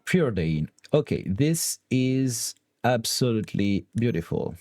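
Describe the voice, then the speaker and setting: A man's voice: mid-range voice, very animated, slow pace, darkish tone, no echo, studio quality. A young man with a French accent, a card game streamer thinking aloud through his plays, weighing options and often laughing. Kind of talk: thinking aloud while playing online.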